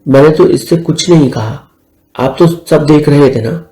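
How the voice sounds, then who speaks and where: A man's voice: fairly high pitch, a little slow, dark tone. A man doing a whiny sulky younger brother. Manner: whining, defensive. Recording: echoey room with faint music.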